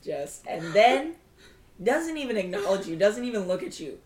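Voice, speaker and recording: A woman co-hosting a casual podcast chat, speaking in a mostly deadpan way. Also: medium pitch, normal speed. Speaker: podcast co-host. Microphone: studio microphone.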